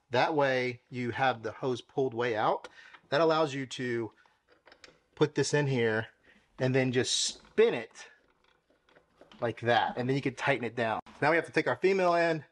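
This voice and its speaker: A young man running a car-care channel demos a product casually in his home garage with a tiled floor, working with his hands and moving about as he talks into a camera mic. He's animated yet a little slow, with a medium pitch and long pauses.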